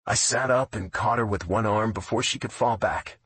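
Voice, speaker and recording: A man narrating a romance audiobook in a low, intimate first-person reading. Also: moderate pace, fairly bright tone, breathy edge.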